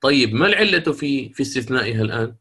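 A male teacher giving a recorded lecture on recitation. His pitch sits in an ordinary middle register. He explains a rule, asks the class a question and answers it himself, then stretches each example word out slowly. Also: lively intonation, pushed and bright, breathy edge. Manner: explains rules then models words in slow drawn-out recitation. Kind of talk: recorded lecture on Quranic readings.

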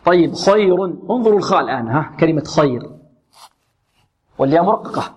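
A man teaching Quran recitation rules, who asks his students questions and answers them himself, and repeats letters and words slowly and drawn out as examples. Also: a little high, expressive, darkish tone, husky. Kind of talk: tajweed lesson with recited examples.

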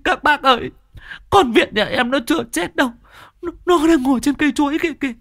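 A man voicing a grief-stricken old village mother who wails and keens in a shrill lament. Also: brisk, fairly bright tone, no echo, studio quality. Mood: wailing grief.

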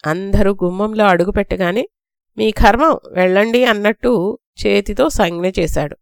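An older woman narrating a story in a lively way, voicing the characters' lines as she reads. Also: medium pitch, creaky, clear, resonant tone, no echo, studio quality. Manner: lively reading with voiced quotes of characters. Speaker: narrator reading her own story.

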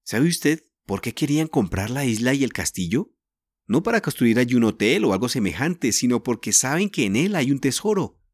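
A man's voice: medium pitch, big pitch swings, moderate pace, slightly rough, dry recording, pitched above the performer's own voice. Man voicing an earnest, urgent teenage boy. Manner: vehement, urgent.

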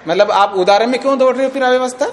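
A man's voice: very high-pitched, rapid-fire, slight background noise. A man with an Indian accent teaching philosophy, arguing points firmly and patiently in a classroom debate. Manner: firm, patient, repeats points.

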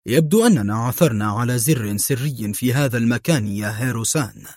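A shrewd police inspector, played by a male narrator, speaking low, quiet and measured with a stern edge. The husky voice sits close and dry in this audiobook tale. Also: expressive, dry recording, lightly acted.

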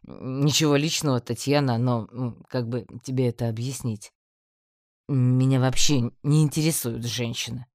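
A prim, self-important male mage, as the reader puts him on, speaking in a measured, lofty way. The voice is dry and close, with no room around it. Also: mid-range voice, steady tone, darkish tone, no echo, lightly acted. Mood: stern.

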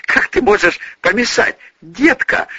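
A man's voice: very high-pitched, very animated, unhurried, gravelly, sharp tone, breathy edge, no room sound, voice pushed up, heavily acted. A flustered older lecher mumbles and wheedles, making excuses in a raised, strained voice, as a male reader does him. His pleading rises and falls. The audiobook recording sounds muffled.

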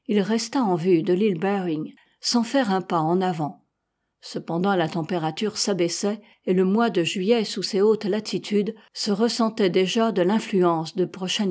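A woman narrates a classic novel in a measured, deliberate way. Her voice is mellow and dark, with a slightly husky grain. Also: medium pitch. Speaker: audiobook reader. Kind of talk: reading a classic novel aloud.

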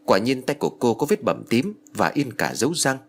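A man narrating a ghost story from a script in an expressive, dramatic way. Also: mid-range voice, a little fast. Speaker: audiobook narrator. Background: background music.

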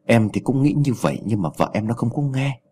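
A man voicing a troubled village neighbor who complains wearily about his household, in a husky voice. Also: medium pitch, expressive, brisk, dark tone. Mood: weary. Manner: weary, complaining.

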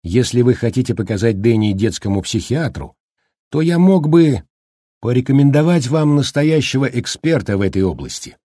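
Man reading calm male doctor, audiobook, husky, dry close sound. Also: medium pitch, moderate pace, dry recording, natural voice. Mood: calm explaining. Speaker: doctor in the story.

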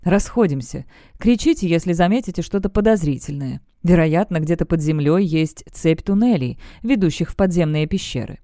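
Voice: medium pitch, expressive, moderate pace, few pauses, no room sound, clean studio sound, lightly acted. Narrator voicing a fiery demoness warrior leader. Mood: commanding. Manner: anxious, shouting.

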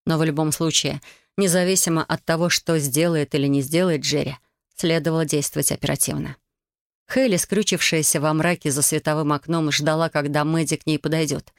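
An audiobook narrator reading a tense scene in measured, even storytelling. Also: medium pitch, no echo, clean studio sound. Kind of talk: scripted narration.

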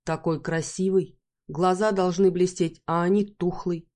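A woman voicing a hot-headed, boastful bearded man who talks slowly with mangled grammar. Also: fairly low pitch, steady tone, dark tone, lightly acted. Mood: teasing. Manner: mangled grammar, slow and drawling.

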